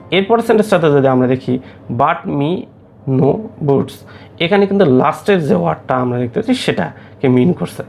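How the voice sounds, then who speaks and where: A man with a Bangladeshi accent gives a grammar lesson, his voice gravelly with a mid-range pitch. He works through the examples step by step, pausing on soft filler sounds. Faint music plays behind him. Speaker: English tutor.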